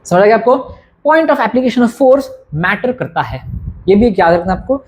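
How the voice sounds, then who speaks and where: A man's voice: high-pitched, lively intonation, unhurried, darkish tone. A man teaching physics in an exam-prep lecture, repeating key phrases and often asking whether students are following.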